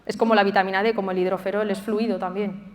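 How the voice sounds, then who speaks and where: A woman's voice: medium pitch, flat delivery, fast talker. A woman answering questions as a nutrition specialist, explaining informally and often checking that she is understood. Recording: echoey hall with long reverb.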